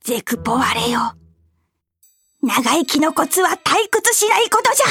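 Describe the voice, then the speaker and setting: A woman's voice: high-pitched, very animated, vocal fry, pushed and bright, exaggerated voice. A woman acting an elf over a hundred years old in a fantasy drama, with archaic old-lady speech and a playful, bossy manner. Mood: sage, confiding. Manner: archaic old-person speech, drawn-out delivery. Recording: music under the voice.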